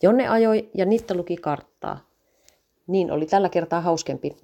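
A woman reads a story aloud, calm and even from line to line. Her voice sits on the low side and sounds warm and mellow.

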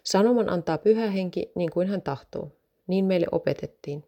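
A woman's voice: on the low side, mellow, close to an everyday voice. Woman voicing an earnest young boy. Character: earnest young boy, eager new believer.

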